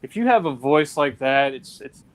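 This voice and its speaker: A man's voice: medium pitch, animated, moderate pace. A man hosting a casual film discussion, chatty with lots of fillers and restarts. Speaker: podcast host.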